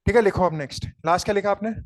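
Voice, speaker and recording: A man with an Indian accent giving an online coaching lecture, explaining in quick asides and then dictating notes slowly word by word. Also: sits high, dry recording. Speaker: teacher.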